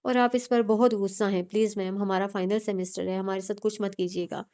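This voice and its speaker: A woman voicing a flustered young female student who rushes through pleading apologies, in a storybook reading. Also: medium pitch, fairly even intonation, darkish tone, smooth, close to an everyday voice.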